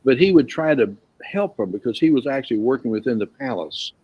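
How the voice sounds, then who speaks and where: A man's voice: medium pitch, expressive, fairly quick, darkish tone, breathy edge, no echo. A man teaching a casual Bible study group, rambling a little and asking the group questions.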